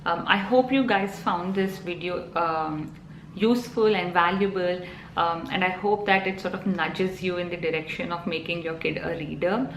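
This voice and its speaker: A Telugu-speaking parenting vlogger in her thirties, with an Indian accent, talks to camera in a lowish, steady voice at normal speed, peppering her speech with ums and you-knows. There's slight background noise, an echoey room, and faint ambience.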